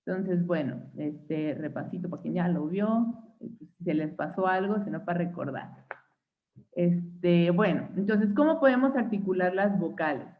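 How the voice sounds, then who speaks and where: A young woman with a Mexican accent leads an online class, her voice sitting a little low. She works through examples slowly and keeps checking that her listeners follow. The sound is narrow and tinny, like a phone line. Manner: checks in with frequent "¿sí?" and "¿va?"; patient, spells out examples slowly. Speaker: teacher.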